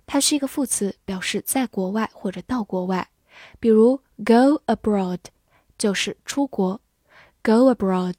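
A woman teaching English vocabulary, spelling each word letter by letter and reading the example sentences slowly, phrase by phrase. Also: mid-range voice, mellow, dry recording, clean studio sound. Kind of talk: scripted vocabulary lesson.

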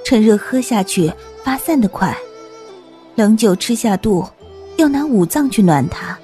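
A sensible, gentle young lady, as a man puts her on in a children's story reading. She gives advice calmly in a very high voice, with faint music underneath. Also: unhurried. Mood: advising. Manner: gently advising.

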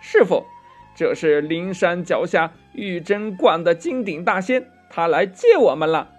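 A man's voice: high-pitched, animated, measured pace, soft background music. A man voicing a clever, cheeky monkey king disciple who talks confidently and teasingly in a children's story.

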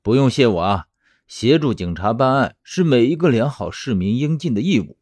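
A man's voice: expressive, a little slow, darkish tone, breathy edge, no echo, heavily acted. A man voicing a cheeky, thick-skinned young joker in an audiobook drama, teasing and mock-solemn. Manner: teasing, mock-solemn, drops to spooky low tones.

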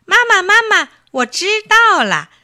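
In a children's storybook reading, a small boy rabbit chirps out his questions in a high, lively voice, full of eager curiosity, as a woman puts him on. His voice leaps up and down as he talks and stays bright. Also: slow pace, full character voice. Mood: curious.

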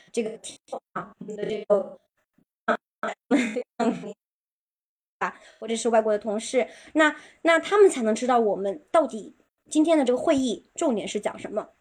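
Patient woman teaching English pronunciation. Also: fairly high pitch. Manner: explains patiently, with many drawn-out filler particles; slows down to model English sentences. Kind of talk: live-stream lesson.

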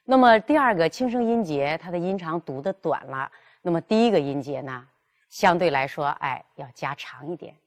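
A woman leads a pronunciation lesson with a lowish, even voice. She explains slowly and clearly, then sounds out example words one at a time. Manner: clear, measured, demonstrating tones. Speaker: Mandarin pronunciation teacher. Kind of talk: classroom lesson.

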